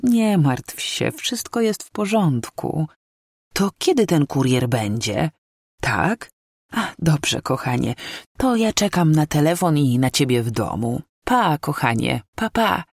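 A reader voicing an elderly woman, a gentle grandmother talking softly and fondly on the phone. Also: medium pitch, sing-song, slow pace, creaky, no room sound, clean studio sound, heavily acted. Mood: tender. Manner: soft, affectionate phone talk.

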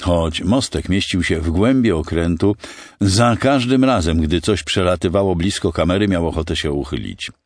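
A male narrator reading a science fiction audiobook with expressive storytelling. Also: deep voice, normal speed, no echo, studio quality.

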